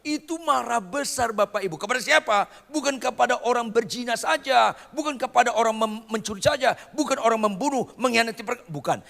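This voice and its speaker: A man preaching a sermon, swinging from quiet asides to shouted lines and teasing the congregation in casual slang. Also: extremely high pitch, a little fast, creaky, few pauses, long reverb tail. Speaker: pastor.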